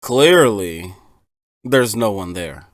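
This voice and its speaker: A man casually reacting to horror clips, sarcastic and profane, with a lively, animated delivery. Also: medium pitch, normal speed, dry recording, clean studio sound. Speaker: reaction video host.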